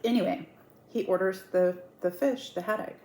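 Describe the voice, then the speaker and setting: A woman's voice: fairly low pitch, normal speed, darkish tone. A woman telling a story in a casual, conversational way, dramatically retelling who said what and repeating words for emphasis. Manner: dramatic retelling, acting out quoted dialogue. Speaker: online storyteller in an eat-with-me video. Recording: roomy echo with clear background noise.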